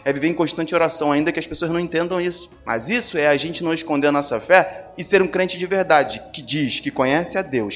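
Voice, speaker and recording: A man's voice: medium pitch, big-room sound. A male preacher, giving a conversational sermon that builds to emphatic bursts. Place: church.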